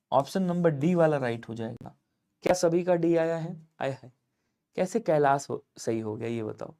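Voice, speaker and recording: A man from Lucknow, India, teaching a live online exam-prep class. He asks questions and answers them himself, and keeps urging viewers to comment quickly. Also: on the high side, a little mellow, clean tone. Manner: drills answers by asking and answering his own questions. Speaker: Hindi teacher.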